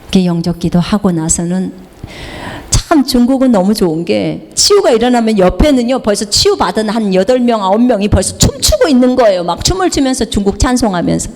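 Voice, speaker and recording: A woman's voice: medium pitch, brisk. Woman missionary telling a testimony in a hall. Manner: animated storytelling, acts out dialogue. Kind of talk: sermon testimony. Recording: long hall reverb.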